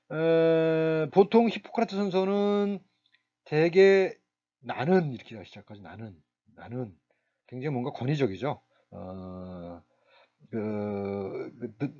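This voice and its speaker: A man giving a recorded university lecture, speaking haltingly with many fillers and restarts. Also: mid-range voice, a little mellow, muffled recording.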